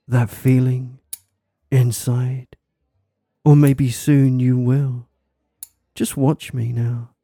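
A man doing a hypnotic ASMR role-play in a soft, soothing voice right in the listener's ear, with slow, suggestive, deliberate phrasing. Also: mid-range voice, no room sound, clean studio sound. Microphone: close microphone, dry sound.

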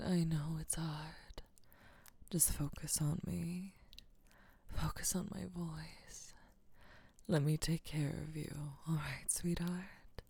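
A doting, soothing caretaker, played by a woman, speaking in a soft hushing whisper that stays low and unhurried. The voice has a husky, gravelly grain and a warm, mellow tone, with a dry, close sound. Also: dry recording, full character voice. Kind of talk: intimate audio roleplay.

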